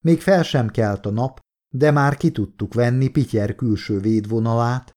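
A man reading a novel as an audiobook in steady, measured narration. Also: mid-range voice.

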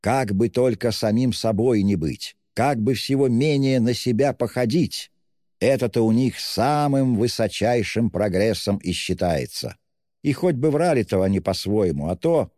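A man voicing a drunk, excitable young man who shouts and gushes, fiercely self-abasing in a storybook reading. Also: mid-range voice, unhurried, dry recording, clean studio sound, long reverb tail. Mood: ranting. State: tipsy.

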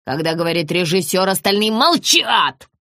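A woman's voice: mid-range voice, big pitch swings, moderate pace, bright, forceful tone, no echo, studio quality. A woman voicing an impatient man directing a shoot, barking orders in an audiobook reading. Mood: bossy. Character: bossy shouting male film director.

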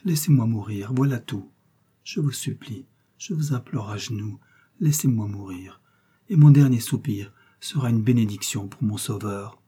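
A man's voice: lowish voice, moderate pace, hardly any pauses, warm tone, breathy edge. A man voicing Milady, a pleading scheming noblewoman. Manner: pleading, pathos-laden, theatrical. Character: scheming seductive noblewoman prisoner.

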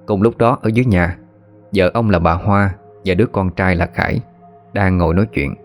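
A man narrating a horror story in a steady, measured way. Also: deep voice. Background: faint background music.

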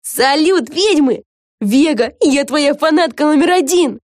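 A bubbly little girl witch, an obsessive superfan who plays pirate captain, as a woman puts her on. She talks with eager, lively bounce in a storybook reading. The sound is dry and close. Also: high voice, unhurried, no room sound, voice pushed up. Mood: cheerful. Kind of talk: audiobook character voice.

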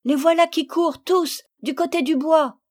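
A woman reading aloud voices an excitable, tender-hearted little girl who calls out loudly. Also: sits high, moderate pace, voice pushed up, lightly acted. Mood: excited. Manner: excited, pleading, loud.

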